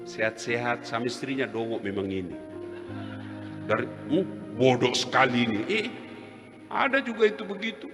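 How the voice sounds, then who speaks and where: Comic preacher, male, lively storyteller who plays his characters; live hall sound with music underneath. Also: mid-range voice, normal speed, pauses often. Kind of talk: humorous sermon.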